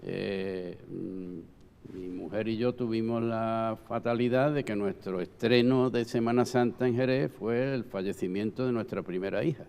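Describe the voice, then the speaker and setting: This older man's lowish voice is smooth, a little mellow and touched with vocal fry, with fairly even intonation and an unhurried pace. Formerly a Holy Week proclamation speaker, he reminisces emphatically and thoughtfully at a round table, often checking for agreement, in a long reverberant hall.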